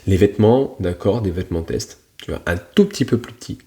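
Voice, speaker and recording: A man's voice: low voice, lively intonation, brisk, dark tone. A man coaching in a casual, slangy, blunt manner, talking straight to the listener. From France. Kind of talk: casual motivational talk.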